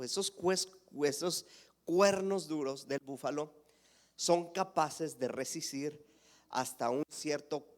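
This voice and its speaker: Pastor preaching, loud then hushed. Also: male voice, a little high. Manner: swings between emphatic raised delivery and hushed near-whispers; preaching with rhetorical questions to the congregation. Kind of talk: sermon.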